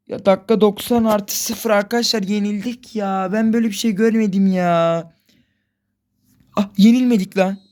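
A woman's voice: medium pitch, a little mellow. A woman hosting a gaming channel, giving live commentary on her own football match and pleading with and scolding her players aloud.

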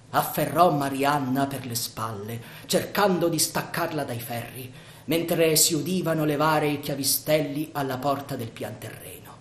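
A man reading a novel aloud as theatrical narration, measured and dramatic. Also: mid-range voice, slight background noise. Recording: roomy echo.

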